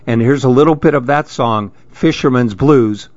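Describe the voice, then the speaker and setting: A man's voice: medium pitch, moderate pace, a little mellow, no echo. A man hosting a radio reading program, reading magazine articles aloud. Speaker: radio reading-service host. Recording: dull, lo-fi radio recording.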